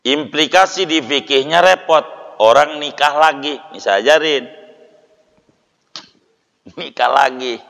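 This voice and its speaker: A man's voice: a little high, a little slow, vocal fry, pauses often, fairly bright tone. A man giving an informal religious lecture. He speaks plainly and acts out quoted people in a raised voice. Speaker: preacher. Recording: long hall reverb.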